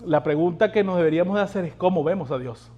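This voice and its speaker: A man's voice: sits high, quick pace, warm tone, lo-fi sound. A male pastor preaching a sermon, urging the congregation on and asking them rhetorical questions.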